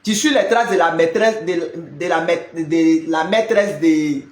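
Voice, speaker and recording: A man hosts a live stream from home, chatting loosely and greeting each viewer by name. His voice sits fairly high for a man. The room around him rings with a noticeable echo. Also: a little slow. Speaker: live-stream prayer host. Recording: roomy echo.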